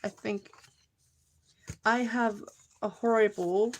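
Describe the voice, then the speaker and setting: A Finnish woman with a Finnish accent chats casually with viewers while making cards on a live stream, occasionally searching for words as she works. Her voice is a little high with fairly even intonation and a slow pace, with a little hiss or hum on the audio and crafting tools clicking in the background.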